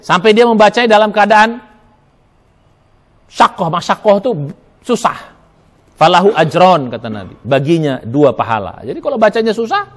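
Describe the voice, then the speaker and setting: A man preaching a Ramadan sermon in a mosque, emphatic, spelling out Arabic letters and sounds, asking questions and answering them himself. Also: high-pitched. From Indonesia. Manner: asks and answers his own questions.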